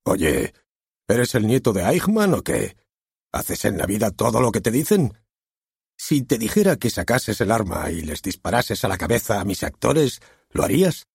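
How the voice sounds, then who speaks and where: A man voicing a loud, rude, eccentric theater director who barks and insults, with a nasal voice. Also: on the low side, big pitch swings, moderate pace, vocal fry, husky, dry recording, clean studio sound, pitched above the performer's own voice, heavily acted. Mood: brusque.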